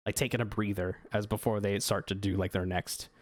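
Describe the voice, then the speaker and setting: A man with a low voice runs a tabletop game, describing each scene in loose, rambling sentences full of fillers and restarts. The sound is dry and close to the mic. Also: fairly even intonation, fairly quick, dry recording. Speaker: game master.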